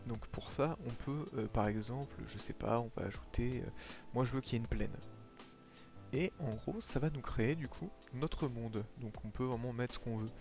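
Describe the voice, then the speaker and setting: Medium-pitched and a little mellow, this man's voice has vocal fry and a normal speed. He's streaming a game live, chatting with viewers and explaining his moves with plenty of fillers, over faint music.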